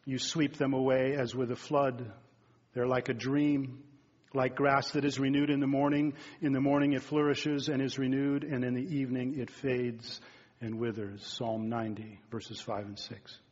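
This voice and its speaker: A pastor in his fifties preaches a sermon earnestly and conversationally, turning now and then to address the congregation directly. His mid-range voice is level, a little mellow and slightly rough at normal speed, and the recording is dull and muffled with long hall reverb.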